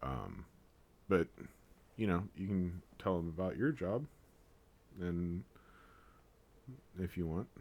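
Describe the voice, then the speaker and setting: A man's voice: sits low, slow pace, vocal fry, pauses often, highs cut off. A man co-hosting a casual chat podcast, rambling with fillers and joking as he talks. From Japan. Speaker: podcast co-host.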